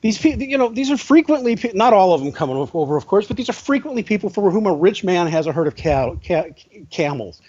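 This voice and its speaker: A man arguing as a guest on a call, halting and correcting himself, his voice cracking when riled. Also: high voice, very animated, a little mellow, dull audio. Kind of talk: heated debate on a call.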